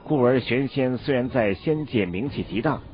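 A man narrating a novel as an audiobook in a steady storytelling delivery. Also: medium pitch, normal speed. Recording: dull lo-fi audio, faint background music.

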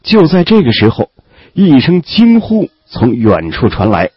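Brief: male audiobook narrator, low and husky, lively and animated delivery; muffled lo-fi track with faint music. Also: a little slow, dry recording. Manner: expressive storytelling with lively pitch.

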